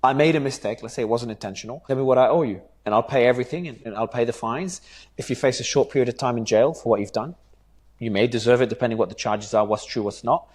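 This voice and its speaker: A man hosts an interview, asking questions in an earnest, searching way and restarting hesitantly. His voice is medium in pitch and somewhat dark, and he speaks quickly.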